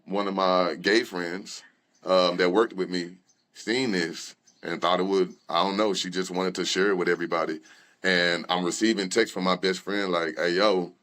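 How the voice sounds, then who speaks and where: Deep-voiced young man telling his story. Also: a bit bright. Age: young adult. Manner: loose, conversational, many fillers and restarts. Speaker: guest rapper and artist. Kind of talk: candid personal storytelling.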